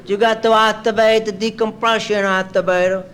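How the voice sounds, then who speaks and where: A man doing a bumbling deadpan astronaut, high voice. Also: slight background noise. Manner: slow, deadpan, misunderstands every question. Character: bumbling, literal-minded would-be astronaut man. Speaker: comic interviewee. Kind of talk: stand-up comedy interview sketch.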